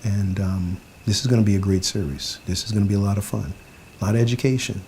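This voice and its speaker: A man's voice: lowish voice, fairly even intonation, fast, a little mellow, a little hiss or hum. A man hosting a nutrition series, talking enthusiastically with hesitant fillers. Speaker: series host. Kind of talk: promotional interview.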